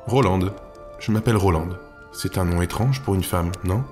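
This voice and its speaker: A man's voice: deep voice, moderate pace, darkish tone, soft background music, lightly acted. A man voicing a carefree young woman archer who talks in a blunt, casual way. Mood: teasing.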